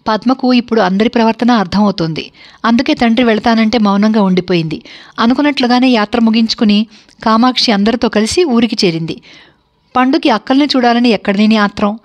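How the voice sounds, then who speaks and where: A woman narrating a family story for an online video in a calm, steady manner. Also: fairly high pitch, a little fast.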